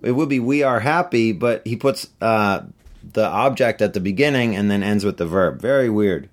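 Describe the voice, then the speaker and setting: A middle-aged man, an author, answering interview questions in a relaxed, chatty way with many fillers. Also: fairly low pitch, moderate pace. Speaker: author on book tour.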